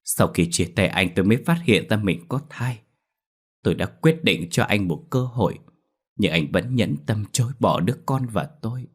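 A man voicing the vengeful female ghost of a young nurse, rasping and tearful, in a spoken horror story. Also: on the low side, expressive, normal speed. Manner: rasping, wailing, then tearful.

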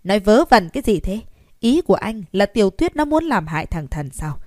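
A woman voicing an irritable old grandfather who scolds loudly, reading an audiobook story. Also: mid-range voice, animated, brisk, dry recording, studio quality, natural voice. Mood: angry scolding. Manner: angry, scolding, raised voice.

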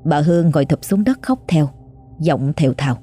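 A woman tells a ghost story in a measured, suspenseful way, her voice low, dark and husky. Faint music runs underneath the narration. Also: animated.

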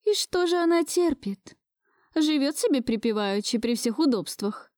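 A woman reading an audiobook voices a stubborn, pushy old grandmother in a raised, reproachful voice, pitched above her own. The high voice has lively intonation, normal speed, and a slightly mellow quality, recorded in clean studio sound with no room sound.

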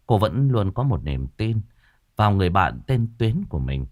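Guy reading a spooky story, lively low voice, dry close mic, faint music under. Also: dry recording. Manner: slow, suspenseful storytelling. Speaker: narrator. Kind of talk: horror story narration.

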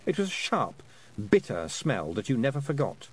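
Male audiobook narrator, lively swoops in pitch, storytelling read. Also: normal speed, breathy edge, rough recording. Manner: expressive storytelling delivery.

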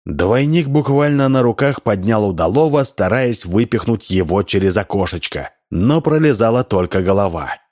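A man reading a humorous story aloud as narrator, with lively, expressive delivery. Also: lowish voice, normal speed, few pauses. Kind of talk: audiobook reading.

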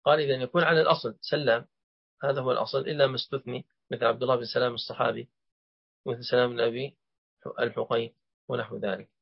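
A man's voice: medium pitch, gravelly, breathy edge, no echo. A man teaching a hadith collection, quizzing his student and then explaining each point at length. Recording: dull lo-fi recording.

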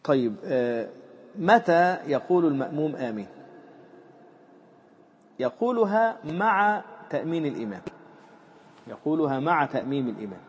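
Reading lines from a classical text, a male teacher then explains them with fillers and repetition in his lesson on Islamic jurisprudence. His pitch swings widely, he speaks at a moderate pace, and he leaves long pauses. Faint background noise runs under the muffled, low-fidelity recording.

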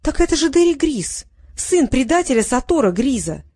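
Woman voicing a quick-witted young princess. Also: a little high, expressive, a little mellow, no room sound, voice pushed up. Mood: bright.

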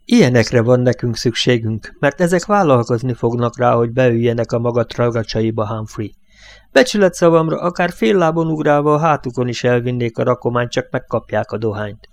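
A man's voice: mid-range voice, expressive, no room sound, natural voice. A man voicing a blunt, scornful oil company boss who is Irish in the story, read as an audiobook character voice. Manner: blunt, sneering, rough-spoken.

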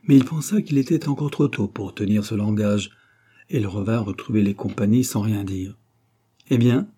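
A man reading a classic French novel aloud in an even, unhurried narration. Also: on the low side, husky. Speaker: audiobook reader. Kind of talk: scripted literary narration.

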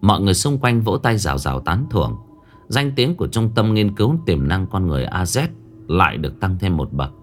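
Low-voiced man narrating a ghost story. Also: sing-song, a little fast, soft background music. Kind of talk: scripted horror story narration.

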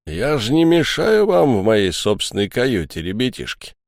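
A man's voice: medium pitch, big pitch swings, normal speed, dry recording, studio quality. A man doing a cold, drained ship captain. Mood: sarcastic.

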